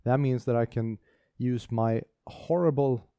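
Man, podcast co-host, mellow warm tone, dry close mic, enthusiastic rambling chat. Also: medium pitch, a little slow, dry recording. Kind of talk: casual tech podcast chat.

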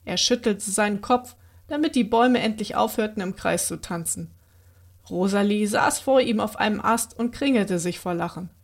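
A woman reading a children's bedtime story aloud in a gentle, expressive way. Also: mid-range voice, normal speed.

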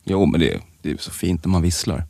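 A man co-hosting a podcast, telling stories in a joking, animated way. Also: low voice, dry recording, studio quality. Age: adult with children. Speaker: podcast co-host. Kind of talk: casual podcast chat.

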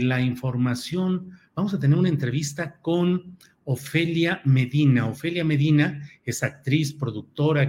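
A Mexican man hosts a live interview show. His voice sits at a middle pitch and his delivery is unscripted. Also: darkish tone. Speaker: host of a live online news and interview show.

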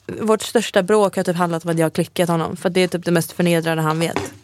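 A woman's voice: lowish voice, steady tone, darkish tone, no echo. A young woman co-hosting a podcast in casual chat. She laughs often and trails off into fillers. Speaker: podcast co-host.

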